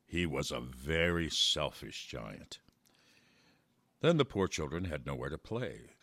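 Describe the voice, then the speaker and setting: A man reading a children's story aloud in a measured way, slowing down for verse. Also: very deep voice, very animated, a bit bright, no room sound.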